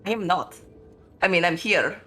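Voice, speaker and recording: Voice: mid-range voice, expressive, normal speed, sharp tone, faint music behind. Player acting a flustered woman, caught off guard. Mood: flustered, defensive. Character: flustered, defensive young woman, frazzled and rambling.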